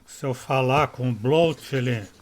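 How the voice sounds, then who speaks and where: A man's voice: mid-range voice, normal speed, a little hiss or hum. A man casually commenting through a game playthrough, reading his choices aloud. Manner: relaxed, reads choices aloud. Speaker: gameplay streamer. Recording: game music underneath.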